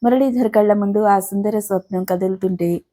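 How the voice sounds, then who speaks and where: A woman narrating a novel in an expressive, steady storytelling manner. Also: mid-range voice, brisk. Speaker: audiobook narrator.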